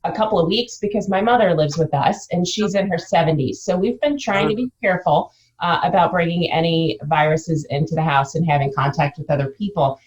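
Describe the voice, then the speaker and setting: A middle-aged woman gives casual interview answers as a business owner. Her voice sits a little low, and the recording is slightly dull. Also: brisk, few pauses, a little mellow.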